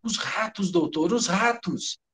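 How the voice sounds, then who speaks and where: A panicked middle-aged head cook, babbling in a rush and swearing oaths as he pours out his story, as a Brazilian-accented man voices him in a read-aloud tale. His voice runs fairly high and rattled. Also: animated, slow pace, fairly bright tone, full character voice. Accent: Brazilian Portuguese.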